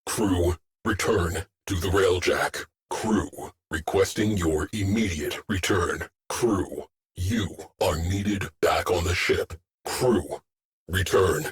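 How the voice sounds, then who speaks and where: A stern, male starship AI from a sci-fi video game speaks in a lowish voice at a very slow pace. As the ship's tactical officer, he delivers short, clipped, deadpan military callouts, staying stoic and terse like an officer on the bridge.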